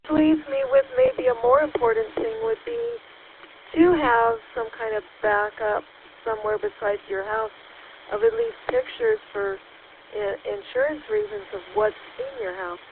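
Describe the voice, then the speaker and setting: A woman checks in to a radio net over a walkie-talkie, her very high voice rough with strong fry and bouncing widely in pitch. She rambles, thinking aloud with plenty of fillers. The sound is thin and phone-like, with a faint hiss behind it. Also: lively intonation, normal speed. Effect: heard over a walkie-talkie radio.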